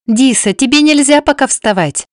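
A woman's voice: high voice, lively intonation, moderate pace, no echo, clean studio sound, pitched above the performer's own voice. A woman voicing an anxious, caring young servant girl who speaks in a worried, pleading way.

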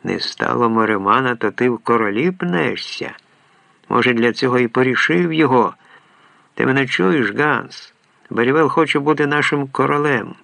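A man's voice: medium pitch, moderate pace, vocal fry, sharp tone, no room sound. A man voicing a hunched, angry male character in an audiobook, coarse and snarling in the way he talks. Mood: sneering. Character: hunched, rough-mouthed man, angry and sneering.

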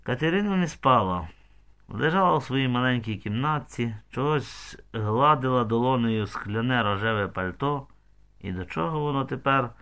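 A man reading a novel aloud as an audiobook narrator, calm and even. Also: mid-range voice. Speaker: audiobook reader.

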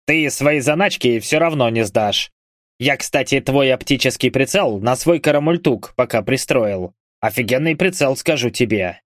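Man doing a loud teasing soldier prankster. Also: mid-range voice, animated, normal speed, dry recording, studio quality, close to an everyday voice. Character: joking male soldier, the unit's loud prankster.

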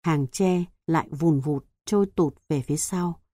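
A woman reads an audiobook story in a calm, measured way. Her voice is fairly low, with a mellow, warm tone. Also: dry recording, studio quality. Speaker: audiobook narrator. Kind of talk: scripted narration.

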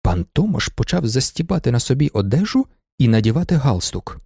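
A man narrating a novel in an expressive storytelling read. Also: mid-range voice, brisk, creaky, slightly rough, dry recording, clean studio sound. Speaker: audiobook narrator. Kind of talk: scripted narration.

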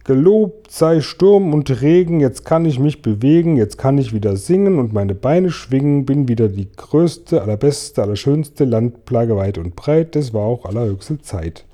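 A man voicing an excited, boastful male centipede who sings in a shrill sing-song. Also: a little slow, hardly any pauses, natural voice.

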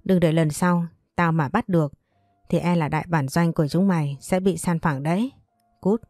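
A woman's voice: low-pitched, steady tone, moderate pace, a little mellow, no echo, clean studio sound, faint music behind. A woman voicing a cold, commanding young man in his late twenties who gives curt, menacing orders.

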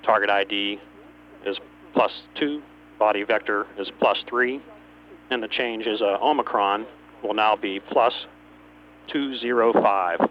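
A man's voice: lowish voice, unhurried, pauses often. A man working as a capsule communicator, making procedural, slightly hesitant radio calls to a spacecraft over a dull channel. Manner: procedural, hesitant between phrases. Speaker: capsule communicator at ground control. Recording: dull radio channel with faint noise and hum.

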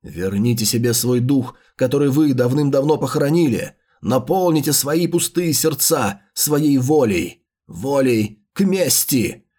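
A man voicing a scheming villain in an audiobook, rousing followers to vengeance with slow, theatrical menace. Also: medium pitch, expressive, dark tone. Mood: menacing, commanding. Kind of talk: dramatic audiobook character voice.

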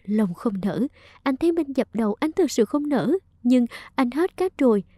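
A woman's voice: sits high, lively intonation, moderate pace, warm tone, no room sound. A woman narrating a romance story aloud with emotive storytelling.

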